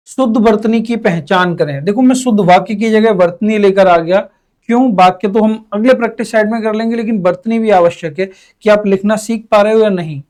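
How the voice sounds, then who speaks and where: A man's voice: sits high, a little mellow. A young man teaching an exam-prep Hindi lesson, asking questions and answering them himself in his students' voices, stretching out key words.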